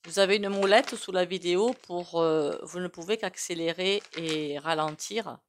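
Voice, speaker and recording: Chatty French tarot-reading woman, low voice. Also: normal speed, a little hiss or hum. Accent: regional French. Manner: chatty, rambling, with many fillers and self-asides. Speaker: tarot reader. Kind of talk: casual tarot reading to camera.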